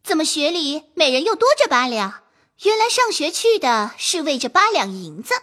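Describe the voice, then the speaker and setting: A woman's voice: high voice, very animated, moderate pace, fairly bright tone. A woman voicing a proud, shrewd young noblewoman who mocks the servants coldly and gives firm orders in an audio drama. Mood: commanding. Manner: cold, mocking, commanding.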